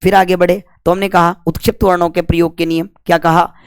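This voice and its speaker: A man's voice: sits high, little pitch movement, fast, clear, resonant tone, dry recording. A man teaching Hindi grammar in a lecture, asking questions and answering them himself, scolding and joking with students. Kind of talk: classroom lecture.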